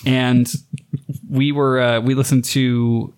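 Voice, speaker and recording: An American man talks like a podcast co-host among friends. His delivery is blunt and crude, full of casual swearing and teasing. His voice sits at an everyday middle pitch. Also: level tone, slow pace, darkish tone, clean tone. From Nevada, US. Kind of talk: casual, profane banter.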